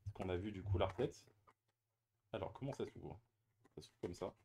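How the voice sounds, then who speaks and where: A man's voice: deep voice, normal speed, vocal fry, mellow, slight background noise. A man chatting casually as he opens trading card boosters on camera, hesitant with many fillers and restarts. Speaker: card-opening YouTuber. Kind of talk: casual unboxing commentary.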